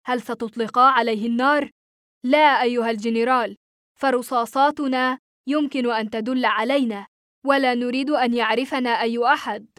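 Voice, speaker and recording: A woman's voice: a little high, fairly even intonation, fairly quick, a bit bright, dry recording, clean studio sound, close to an everyday voice. A woman voicing a huge, breathless male soldier who argues his point urgently. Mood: urgent reasoning. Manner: urgent, reasoning.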